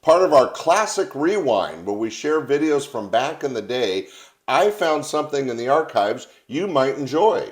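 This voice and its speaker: A man with a medium-pitched voice hosts a comedy show. He presents conversationally, moving between announcements and chat. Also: sing-song, normal speed. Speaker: show host.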